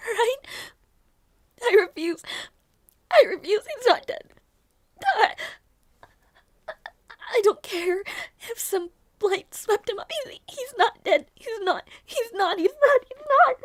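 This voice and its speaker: Grieving loyal young princess for audio roleplay, played by a woman: slow, halting, intense, close dry sound. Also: very high-pitched, lively intonation, dry recording, full character voice. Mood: sobbing, frantic denial. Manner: halting, repeating words, emotionally intense. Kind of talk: dramatic audio roleplay acting.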